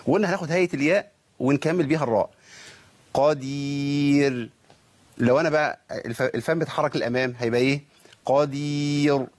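A man's voice: fairly high pitch, dry recording. A man with an Egyptian accent teaching Quran recitation, asking questions and answering them himself. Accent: Egyptian Arabic. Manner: asks and answers his own questions, models pronunciations. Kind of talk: tajweed lesson with recited examples.

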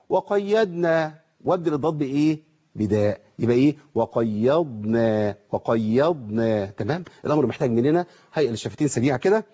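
A man with an Egyptian Arabic accent teaching Quran recitation, asking his viewers rhetorical questions and slowly sounding out examples. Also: fairly high pitch, warm tone, muffled recording. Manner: asks rhetorical questions, demonstrates pronunciation slowly. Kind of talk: televised lesson.

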